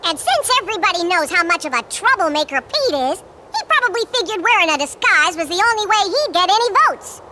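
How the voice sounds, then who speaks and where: Tiny male chipmunk for a cartoon game: piercingly high, squeaky, cheerful, excitable, lively swoops. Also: brisk, very noisy. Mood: explaining. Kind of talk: animated video game voice acting.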